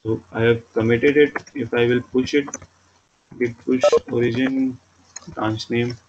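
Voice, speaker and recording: A man with an Indian accent giving a step-by-step software tutorial as an instructor, explaining simply and repeating key points. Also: mid-range voice, fairly even intonation, measured pace. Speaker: programming instructor. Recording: dull lo-fi mic with background noise.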